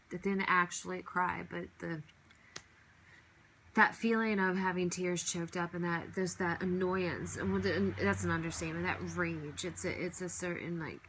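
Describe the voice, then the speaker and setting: Bright-voiced woman musing at home. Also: on the low side, slight background noise, low-quality recording. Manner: reflective, drifting between soft musing and heated venting; swears freely. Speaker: podcast host. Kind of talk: casual personal monologue.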